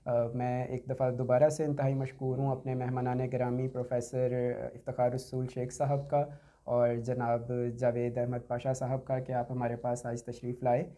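A man's voice: mid-range voice, monotone, normal speed, dark tone. A middle-aged man hosting a panel, giving formal, polite closing thanks in a small studio on a desk mic. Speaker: host. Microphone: desk boom mic.

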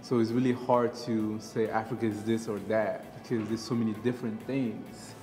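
A man's voice: lowish voice, little pitch movement, normal speed, big-room sound, over music. A man from Senegal explaining in a video interview that Africa is diverse.

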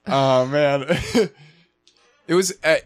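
A man's voice: on the high side, drawn-out words, clear, resonant tone, no echo, clean studio sound, soft background music. A man co-hosting a podcast, chatting casually through a film review with many fillers and frequent laughs. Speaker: podcast co-host.

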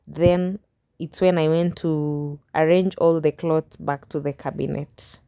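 Her voice sits low, warm and steady at a measured pace as this young woman tidies her bedroom for a phone-recorded vlog. She chats casually with viewers, walking them through the job with little restarts.

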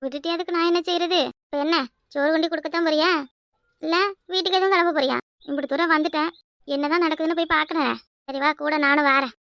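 A woman voicing a loud, outspoken village daughter-in-law in a cartoon, speaking bluntly with a southern Tamil Nadu village accent. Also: high voice, fairly even intonation, quick pace, no room sound, studio quality. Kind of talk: cartoon voice acting.

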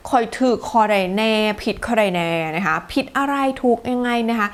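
Casting: young female teacher, chatty and animated, fairly high voice, friendly classroom explainer. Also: normal speed. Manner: chatty, lively, mixes Thai with English phrases, frequent polite particles. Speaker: English teacher. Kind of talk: casual course introduction.

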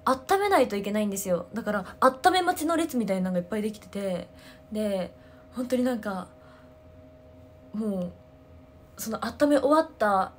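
A woman, chatting casually on a livestream, telling stories excitedly with sound words. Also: mid-range voice, normal speed, long pauses, slight background noise. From Ehime, Japan. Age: 20s. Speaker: idol livestreamer. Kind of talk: casual livestream chat answering comments.

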